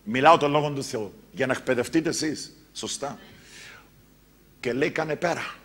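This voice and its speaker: A male pastor with a Cypriot Greek accent preaches a sermon, alternating between loud, exclaimed lines and quiet asides. His voice is mid-range with a breathy edge.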